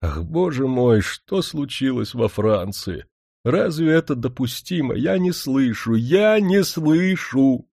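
A man's voice: medium pitch, sing-song, takes it slowly, vocal fry, darkish tone, no echo, studio quality, pitched above the performer's own voice, full character voice. A man voicing a frail, tearful old former king in a spoken story, whining and pleading in a raised voice.

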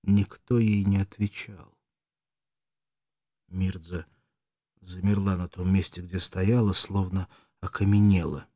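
Low-voiced male audiobook narrator. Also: level tone, mellow, dry recording, clean studio sound. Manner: slow, solemn, measured reading. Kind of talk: dramatic literary narration.

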